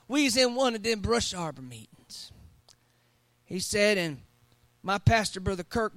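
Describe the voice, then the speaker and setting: High bright preaching man. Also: dry recording. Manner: preaching with call-and-response to the congregation; swings from loud emphatic peaks to quiet storytelling. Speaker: pastor. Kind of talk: sermon.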